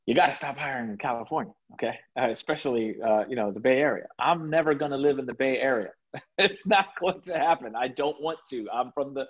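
A man's voice: mid-range voice, a little fast, slightly rough, dull audio. A man from South Florida speaking on a panel of tech lawyers in a frank, conversational way, laughing easily, over a video call. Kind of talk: panel discussion.

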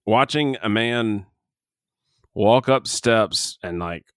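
This man has the hiccups as he talks loosely about a movie he's just watched, candid, rambling, and breaking off mid-thought. His lowish voice is slow, clear, and resonant with a fairly bright tone, captured as a dry, studio-quality recording.

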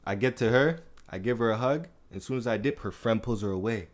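A man hosting a podcast, chatting casually in heavy slang and telling animated stories. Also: mid-range voice, quick pace. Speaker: podcast host. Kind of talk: casual chat.

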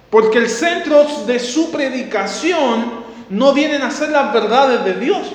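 A man preaching a sermon, asking his listeners questions, answering them himself and reading scripture aloud with repeated key words. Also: very high-pitched. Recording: echoey hall with long reverb.

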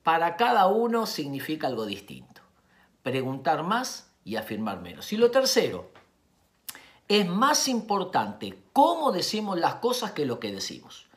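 A woman with a Rioplatense Spanish accent gives a motivational talk on communication. Her fairly low voice swings widely in pitch, and she slips into quick acted-out dialogues to make her points. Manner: animated, acts out quoted dialogue. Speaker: communication speaker.

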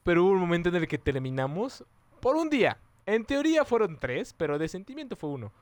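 A man chatting casually in a relaxed, joking way. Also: sits high, brisk, no room sound. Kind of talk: casual chat.

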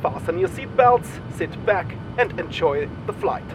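A man making a pilot's announcement over the cabin loudspeaker in a formal announcer manner. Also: animated, unhurried. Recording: engine rumble behind the voice.

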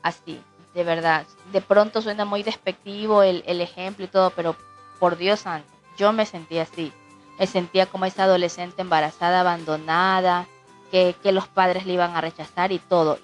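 Animated young woman telling a story. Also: fairly low pitch, normal speed, soft background music. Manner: animated, acts out other people's voices. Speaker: co-host telling her story. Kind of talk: casual chat, personal storytelling.

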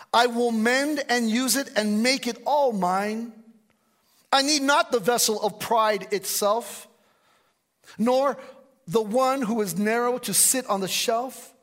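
A kind master who chooses the broken clay vessel and speaks to it tenderly, as a preacher reads him. The voice is high, slow and deliberate. It is read as a parable poem. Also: male voice. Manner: gentle, warm, deliberate.

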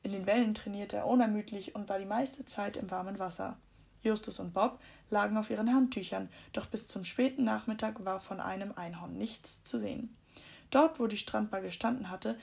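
A woman reads a children's story aloud in a calm, storytelling manner. Her voice has a gravelly fry running through it. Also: medium pitch. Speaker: audiobook narrator. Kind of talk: scripted children's story narration.

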